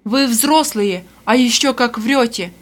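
A woman's voice: a little high, slow pace. Woman voicing an indignant, defiant young servant girl. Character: mistreated teenage servant girl, defiant and hurt.

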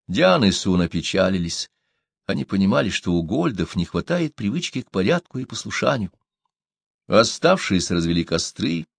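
A man narrating an adventure story in an audiobook, in a measured storytelling manner. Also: fairly low pitch, vocal fry, no echo, clean studio sound.

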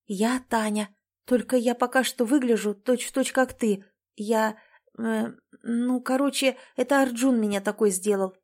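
A woman's voice: a little high, fairly even intonation, measured pace, a little mellow. A woman voicing a wry, evasive young woman who dodges hard questions, in an audiobook. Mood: explaining. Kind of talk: audiobook character voice.

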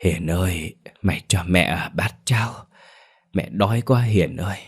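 A man's voice: low-pitched, unhurried, breathy edge, exaggerated voice. A man voicing a frail old woman who pleads for food in a faint, wheezing whisper. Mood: pleading, hungry. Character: frail starving old woman, mother-in-law.

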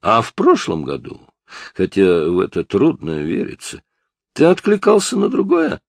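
A man with a low, gravelly voice playing a patient police detective who questions a suspect steadily. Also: wildly swooping pitch, normal speed, no room sound, exaggerated voice.

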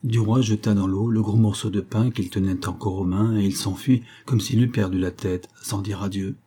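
Husky, dark-voiced male narrator. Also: lowish voice, steady tone, normal speed. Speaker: audiobook narrator. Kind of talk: classic novel narration.

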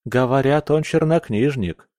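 A man reads a novel aloud at a steady, measured pace, like a storyteller. He's a medium-pitched audiobook narrator delivering scripted narration in studio quality with no room sound.

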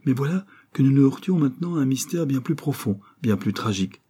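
A man narrating a classic novel as an audiobook, reading in a measured, descriptive way. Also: medium pitch, lively intonation, warm tone, husky. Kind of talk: scripted literary narration.

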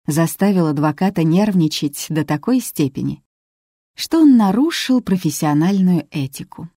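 A woman narrating a first-person novel in an even, measured way. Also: lowish voice, no room sound, clean studio sound. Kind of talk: audiobook narration.

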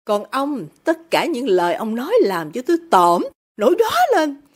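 A woman's voice: fairly high pitch, big pitch swings, normal speed. A woman reading a defiant proud young daughter. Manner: cold, defiant, bitter.

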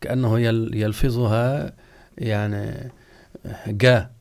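Measured man teaching religious law. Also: medium pitch, darkish tone. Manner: slow, deliberate explanation, stretching out example words. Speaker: Islamic scholar teaching jurisprudence. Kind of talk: religious lesson, question-and-answer.

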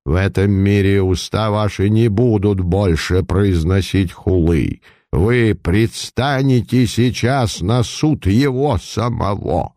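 A man voicing a stern church inquisitor who speaks slowly and harshly, accusing the prisoner. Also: lowish voice, mellow, dry recording, clean studio sound. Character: stern cold cardinal inquisitor, older man.

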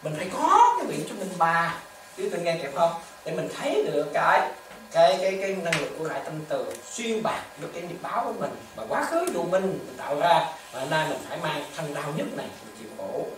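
A Buddhist monk giving a dharma talk to lay followers, with repetitive, animated storytelling and rhetorical questions. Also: mid-range voice, quick pace, faint music behind. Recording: echoey hall, distant mic, faint ambience.

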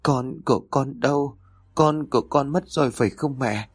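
A man's voice: medium pitch, moderate pace, breathy edge, no echo, studio quality, voice pushed up, close to an everyday voice. A man voicing a weak dying young woman who speaks faintly and brokenly. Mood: frail. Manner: faint, whispery.

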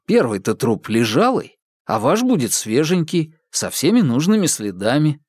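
A man playing a calm, ironic young male detective with a dry, teasing, unhurried manner in an audiobook. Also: fairly high pitch, slightly rough, no room sound, pitched above the performer's own voice. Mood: wry.

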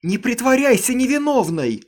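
A man's voice: high voice, expressive, unhurried, a little mellow, pitched above the performer's own voice. A man reading an audiobook, voicing a terrified, hysterical teenage girl who screams in panic and fury. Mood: screaming rage.

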